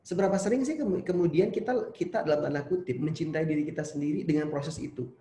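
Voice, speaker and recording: A man's voice: on the high side, fast talker, warm tone. A man, a psychologist, giving a conversational online seminar lecture to students and posing rhetorical questions. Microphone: video call. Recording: roomy echo.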